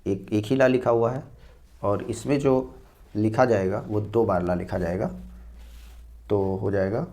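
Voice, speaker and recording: A man with a slightly low voice teaching an exam-prep Hindi spelling lesson. He repeats each word patiently and walks through it step by step. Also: fairly even intonation, a little mellow. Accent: North Indian Hindi. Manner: explains slowly, repeating each word and saying "dekhiye" and "theek hai".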